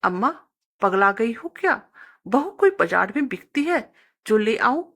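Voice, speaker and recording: Woman doing a meek young village son, soft and yielding, slightly raised, gravelly edge, storybook. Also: fairly high pitch, sing-song, unhurried, exaggerated voice. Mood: protesting.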